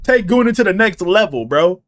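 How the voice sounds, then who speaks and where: A man streaming a casual reaction to a video, slangy and animated, swinging between incredulous shouts and muttered asides. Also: high-pitched, moderate pace.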